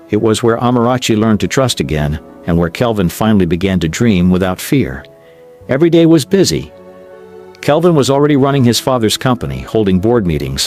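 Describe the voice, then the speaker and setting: A man narrating a drama story in a measured, expressive way. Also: on the low side. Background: faint music.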